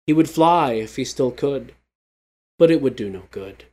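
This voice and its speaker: A man reading a literary short story aloud in a measured, somber way. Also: medium pitch, animated, dark tone. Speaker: narrator. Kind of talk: scripted literary narration.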